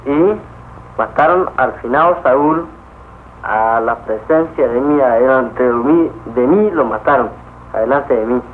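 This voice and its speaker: A man giving halting, indignant testimony, often repeating his words. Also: medium pitch. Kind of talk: spoken testimony. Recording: tinny lo-fi old film sound with faint hiss.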